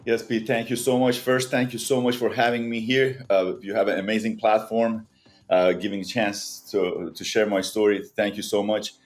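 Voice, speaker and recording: Low-voiced Iranian-born man telling his story. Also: little pitch movement, soft background music. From Iran. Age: 40s. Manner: earnest, halting, with frequent restarts. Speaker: guest. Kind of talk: personal story in a podcast interview.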